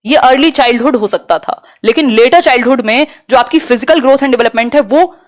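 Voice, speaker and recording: Teacher, female, fairly high voice, chatty, keeps checking in with the class. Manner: quick, conversational, checks in with students often. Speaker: exam-prep teacher. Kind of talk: live online class.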